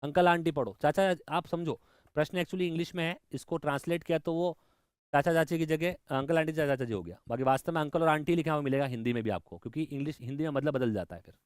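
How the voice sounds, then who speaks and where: A man's voice: on the high side, fast talker, clean tone, no echo. Man, reasoning teacher, enthusiastic, dry close recording. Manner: enthusiastic, talks to students directly, mixes in English terms. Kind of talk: online exam-prep lecture.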